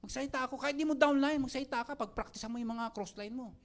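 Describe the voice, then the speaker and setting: A young man giving a lively motivational talk to a live audience, joking and quizzing the crowd as he mixes Tagalog and English. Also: very high-pitched, fast. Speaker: mentor speaking to network marketing team.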